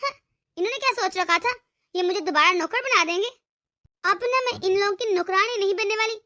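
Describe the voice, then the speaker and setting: A cunning young daughter-in-law from a family cartoon, voiced by a woman, with a very high, bright voice. She taunts and threatens her in-laws in a sharp, scheming way. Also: a little fast. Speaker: voice actor.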